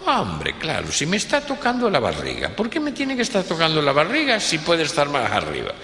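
A wealthy Spanish businessman, middle-aged and irritable, voiced by a man telling a story on stage. He exclaims indignantly with a raised, bright, sharp tone. The sound carries the long echo of a big hall. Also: on the high side, huge pitch swings, fairly quick, pitched above the performer's own voice, heavily acted.

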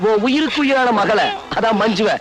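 A man's voice: sits high, moderate pace, lightly acted. An actor playing a vengeful man with a Tamil accent who taunts and threatens. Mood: menacing. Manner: taunting, menacing. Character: vengeful, menacing young man. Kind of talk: Tamil film dialogue. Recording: film soundtrack with music.

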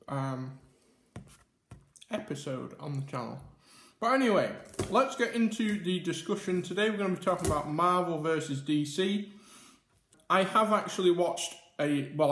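Man, casual mukbang vlog, rambling with fillers, a bit high-pitched, echoey room. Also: fairly bright tone, slight background noise. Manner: chatty, rambling with many ums while eating. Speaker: YouTube host. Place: indoor room at a table. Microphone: camera mic with face cam and top camera.

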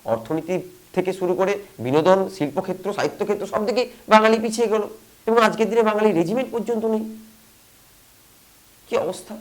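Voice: mid-range voice, brisk, long pauses, low-quality recording. A commentator from West Bengal delivering an impassioned opinion monologue, full of rhetorical questions and repeated phrases.

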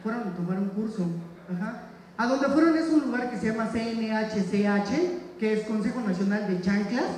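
Stand-up comic, Mexican man, high voice, crude banter, echoey hall from afar. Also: a little mellow, recorded from a distance, a little hiss or hum. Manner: crude, rapid-fire audience banter. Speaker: stand-up comedian. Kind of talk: stand-up comedy set. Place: live stage in a hall with audience.

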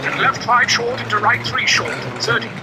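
High-pitched rally co-driver, rapid pace notes. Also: male voice, expressive. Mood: brisk, focused. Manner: clipped, terse directions. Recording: loud car engine noise over voice. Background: rally car engine and driving noise.

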